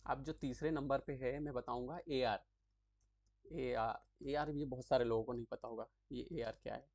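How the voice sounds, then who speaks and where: Male tutorial host, mid pitch, chatty and repetitive, close dry mic. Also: fairly even intonation, creaky, dry recording. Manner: chatty, repeats terms slowly, frequent "thik hai" check-ins. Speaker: tutorial creator explaining acronyms. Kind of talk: casual explanatory lesson.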